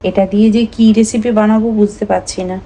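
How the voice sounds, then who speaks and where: A woman's voice: mid-range voice, steady tone, fairly quick, warm tone, slight background noise. A woman in her thirties with a Bengali accent, chatting casually to viewers about her day while cooking. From India. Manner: chatty, talks to viewers while cooking, mixes in English words. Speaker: family vlogger. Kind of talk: casual vlog narration.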